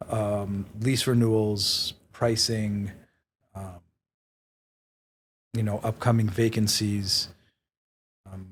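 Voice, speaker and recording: A man born in Israel and raised in New York, a real estate company president speaking as a podcast guest, hesitant and modest with many pauses. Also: lowish voice, flat delivery, breathy edge. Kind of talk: podcast interview.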